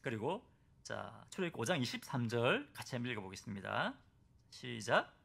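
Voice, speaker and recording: A man's voice: medium pitch, wildly swooping pitch, moderate pace, creaky, a bit bright, slightly rough. A male pastor preaching a Sunday sermon at a church service. He keeps asking the congregation rhetorical questions and acts out the voices of biblical figures.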